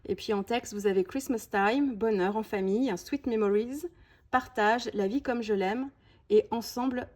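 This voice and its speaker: A woman's voice: fairly high pitch, moderate pace, a little mellow. A woman presenting a scrapbooking collection in a casual show-and-tell, chatty and full of small "hop" and "voilà" asides. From France. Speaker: scrapbooking video host.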